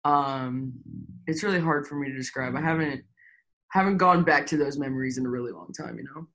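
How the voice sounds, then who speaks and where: A woman's voice: extremely low pitch, fairly quick, fairly bright tone, poor audio. A young woman from Florida talking candidly in an interview, hesitant, full of fillers and the odd swear word. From Tampa, Florida, USA. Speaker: interview guest. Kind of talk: personal interview.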